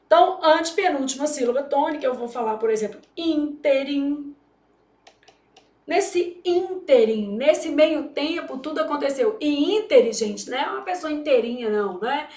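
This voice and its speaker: Chatty high-voiced woman teaching grammar. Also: lively intonation, normal speed, few pauses, a little mellow, echoey room. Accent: Brazilian Portuguese. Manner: chatty, jokey, addresses students as "gente". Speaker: Portuguese teacher for exam prep. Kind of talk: lively classroom lesson.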